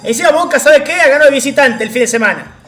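A man with an Argentine accent streaming slots, talking loudly to his chat with sudden shouted outbursts and lots of slang. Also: very high-pitched, fast talker, roomy sound, faint music behind. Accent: Argentine Spanish. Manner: excitable, loud outbursts and shouting, heavy slang and swearing. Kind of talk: live gambling stream chat.

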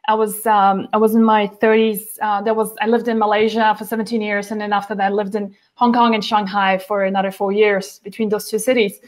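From her home, seated by a window with plants in the background, a nutrition author in her forties guests on a video call interview. Her mid-range voice is brisk with little pitch movement and few pauses, and her chatty talk is full of fillers and restarts.

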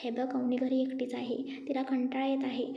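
A woman's voice: high-pitched, completely flat delivery, fairly quick, vocal fry. A woman voicing a cocky, bossy young man who likes to tease, in a story. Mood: mocking. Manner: mocking, bossy. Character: cocky teasing young man, a rich boss. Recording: dull echoey room.

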